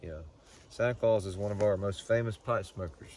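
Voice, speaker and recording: A man giving a casual, unscripted product review in a halting, folksy way, often repeating words as he goes. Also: fairly low pitch, darkish tone. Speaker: pipe tobacco reviewer.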